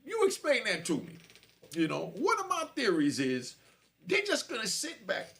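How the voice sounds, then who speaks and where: A man in his fifties, once imprisoned, speaks directly to camera to preach warnings to young people. His fairly bright voice sits high, with huge pitch swings, at a moderate pace.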